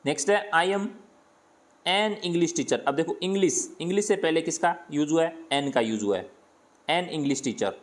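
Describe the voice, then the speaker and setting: A man's voice: fairly high pitch, a little slow. Man teaching grammar with Hindi accent. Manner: explains step by step, asks and answers his own questions. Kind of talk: grammar lesson.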